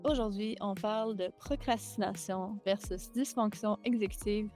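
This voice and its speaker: A woman's voice: medium pitch, moderate pace, a little mellow, soft background music. A woman co-hosting a podcast, answering with short, agreeable replies. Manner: brief, agreeable replies and interjections. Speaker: podcast co-host. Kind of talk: casual podcast chat.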